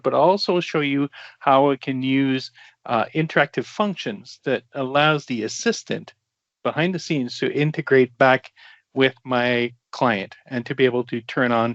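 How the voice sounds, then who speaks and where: A man with a French Canadian accent presenting a software demo on a video call, casual and joking, with many fillers. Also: medium pitch, dry recording. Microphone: video call mic. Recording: dull, dry video-call audio.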